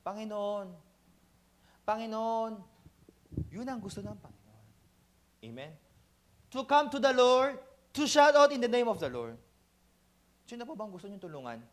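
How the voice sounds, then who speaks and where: A man preaching an animated sermon as pastor at a church service. He switches between two languages, acts out little dialogues and keeps checking in with the congregation. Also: very high voice, normal speed, long pauses. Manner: asks the congregation "Amen?".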